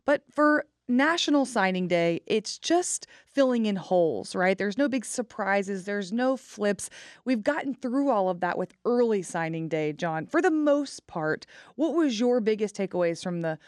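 A woman co-hosting a sports podcast, setting up topics and introducing guests in a brisk, organized way. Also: mid-range voice, animated, no echo, studio quality. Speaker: podcast co-host.

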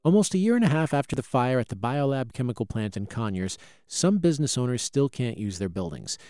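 A man's voice: medium pitch, sing-song, brisk, dark tone, no echo, clean studio sound. An American man hosting a news program, reading scripted news narration. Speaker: news podcast host.

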